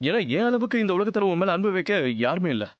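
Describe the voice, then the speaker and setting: A man's voice: high-pitched, fast talker, no room sound, lo-fi sound, natural voice. A man playing a teasing devoted husband. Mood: affectionate. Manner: playful, teasing, affectionate. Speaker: husband in a dubbed serial. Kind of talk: dubbed TV drama acting. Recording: light music behind voice. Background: soft background music.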